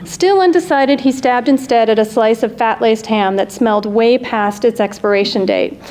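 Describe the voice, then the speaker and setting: A woman reading her own comic story aloud at a live reading, lively and amused. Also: fairly high pitch, moderate pace.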